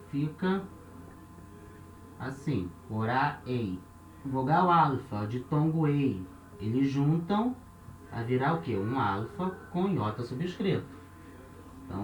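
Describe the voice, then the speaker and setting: A man's voice: mid-range voice, far from the mic. Brazilian man teaching in an echoey room. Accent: Brazilian Portuguese. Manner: explains step by step, counting aloud, with frequent checks like "né?". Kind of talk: classroom lesson at a board. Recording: roomy echo, off-mic, faint hiss.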